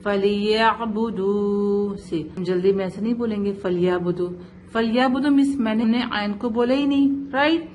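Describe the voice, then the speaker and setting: A woman teaching Quran recitation with tajweed, speaking slowly and patiently, spelling out letter sounds and often checking for understanding. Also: a little high, a little mellow, slight background noise. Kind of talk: one-on-one recitation lesson.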